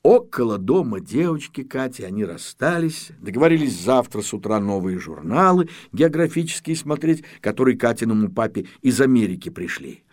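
A man narrating a children's storybook in an unhurried, expressive reading. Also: medium pitch, no room sound, studio quality. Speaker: audiobook narrator. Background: faint guitar music.

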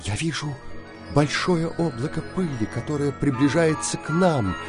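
A man voicing a calm young sister who answers in a soft, lilting voice in a storybook tale. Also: fairly high pitch, normal speed, over music, voice pushed up, natural voice.

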